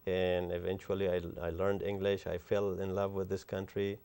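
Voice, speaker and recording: Older man from Afghanistan, earnest and effusive, low voice, gravelly, smooth, halting fillers. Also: monotone, dark tone. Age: 60s. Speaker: guest author. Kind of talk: interview conversation.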